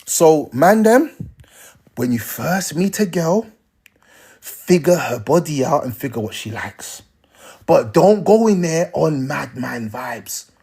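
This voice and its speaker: A man's voice: fairly high pitch, very animated, slow pace, vocal fry, darkish tone, slightly rough. A young man, giving blunt, slangy advice to viewers on a casual livestream. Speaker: live streamer.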